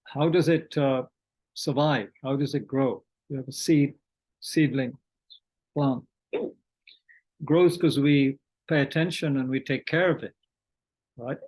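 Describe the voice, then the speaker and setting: A man teaching Buddhist meditation online, speaking haltingly with many fillers, restarts and throat-clearing, and reading out questions from the chat. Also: mid-range voice, a little mellow, low-quality recording.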